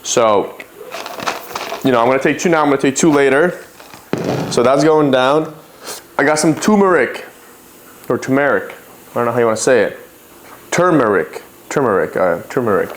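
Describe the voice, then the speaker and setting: Dude vlogging his day at home, mid-pitched, rambly, lots of ums, faint noise behind. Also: brisk, pauses often. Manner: rambling, loose, lots of fillers and self-corrections. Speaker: fitness vlogger. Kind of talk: casual vlog chat.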